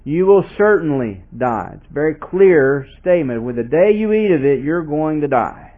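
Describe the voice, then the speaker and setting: A man's voice: a little high, very animated, normal speed. A man preaching an expository sermon in a conversational way, asking his listeners questions and reading scripture aloud with emphasis. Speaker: pastor. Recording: tinny phone-like sound.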